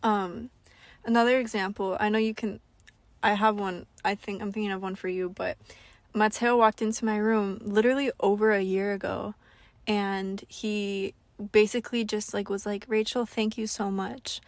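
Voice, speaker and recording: A woman's voice: medium pitch, normal speed, no room sound. Gushing young woman podcast co-host. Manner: animated, gushing storyteller. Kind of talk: casual podcast chat.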